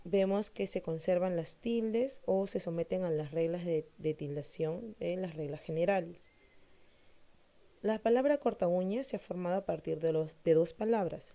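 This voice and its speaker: A woman teacher explaining a grammar lesson slowly and deliberately, asking her pupils questions and then answering them herself. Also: on the low side, warm tone.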